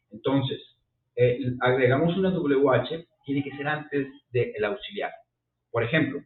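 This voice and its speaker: An animated male English teacher gives a classroom grammar lesson in a medium-pitched voice. He is lively, repeating himself and checking in with "ok?". The recording sounds roomy, distant and tinny, like a phone.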